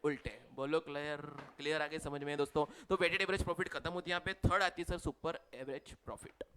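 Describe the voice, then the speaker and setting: Bright-voiced Indian commerce teacher. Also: male voice, on the high side, steady tone, fast talker. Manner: chatty, teasing, mixes Hindi with English terms. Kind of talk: live class revision lecture.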